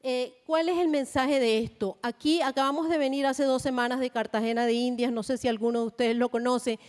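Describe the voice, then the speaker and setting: A Colombian woman speaking at a conference panel, measured and deliberate with frequent hesitations. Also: sits high, darkish tone. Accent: Colombian Spanish. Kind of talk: conference presentation. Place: large conference hall. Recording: long hall reverb.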